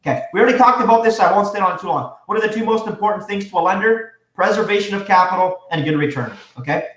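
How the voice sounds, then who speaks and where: Man teaching a seminar, high voice, energetic, quizzes the room, echoey dull recording. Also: fast talker. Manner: energetic, quizzes the audience with questions. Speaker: real estate instructor. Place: seminar room with a live audience.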